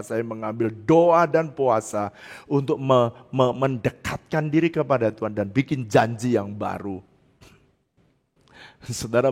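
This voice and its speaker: Middle-aged male pastor, playful and animated sermon delivery, high-set voice, reverberant hall. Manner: animated and playful, laughing often between points; drops into English phrases. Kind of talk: preaching a sermon. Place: church hall. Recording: long church-hall reverb.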